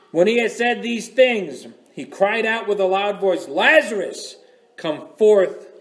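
A male pastor giving an earnest sermon, explaining scripture with emphatic rises. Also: sits high.

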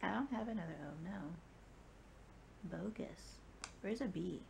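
Laughing woman, gravelly voice. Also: medium pitch, unhurried, background noise. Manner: teasing, laughing, exasperated. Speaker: vlogger. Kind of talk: casual chat while playing a word game.

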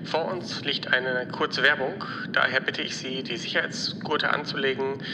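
A composed male airline captain, as a podcast host puts him on, addresses his passengers in a slow, formal cockpit announcement. He speaks at an ordinary mid pitch, steady and unhurried, like a routine message to the cabin. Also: long reverb tail, background noise, lightly acted. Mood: calm, formal. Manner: calm, measured announcement delivery. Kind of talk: mock in-flight announcement.

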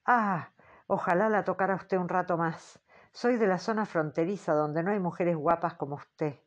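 A woman voicing a brash, teasing male spirit in an audiobook, booming and mocking in manner. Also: moderate pace, dull audio, lightly acted. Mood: flirtatious. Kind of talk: audiobook character voice.

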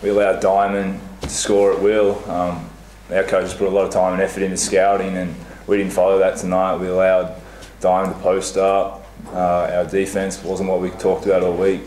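Flat, deep-voiced young player. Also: male voice, normal speed. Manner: plain, steady, matter-of-fact. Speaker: basketball player. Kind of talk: post-match press conference. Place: small press room before a sponsor backdrop. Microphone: table mic on a stand. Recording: echoey room with faint hiss.

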